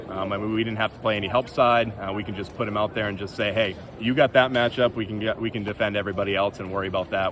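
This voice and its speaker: A man's voice: on the low side, background noise. A man speaking as a basketball coach in a casual, earnest postgame interview.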